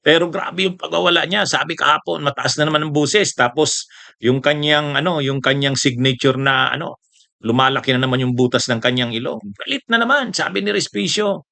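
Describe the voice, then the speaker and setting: A man's voice: mid-range voice, fairly even intonation, normal speed, creaky, sharp tone, dry recording. A man hosting casual political commentary, mocking his targets, chuckling often and throwing tag questions at viewers.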